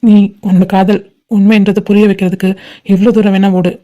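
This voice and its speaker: A woman voicing a kind young man in a fan-made cartoon, gently reassuring a crying friend. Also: medium pitch, little pitch movement, fairly quick, highs cut off, close to an everyday voice. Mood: gentle.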